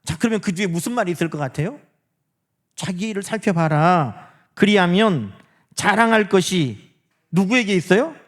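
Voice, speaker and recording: Male pastor, sermon delivery: reads scripture slowly, rhetorical questions, emphatic peaks falling to hushed whispers, animated pitch. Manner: preaching with rhetorical questions to the congregation; swings from loud emphasis to hushed near-whispers.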